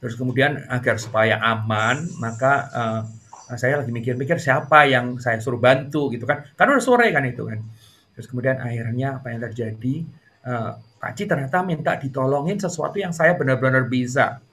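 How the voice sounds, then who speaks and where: A middle-aged man, a guest in a casual interview, tells a story at a brisk pace. He's chatty and uses many fillers, and his pitch jumps up when the story gets lively.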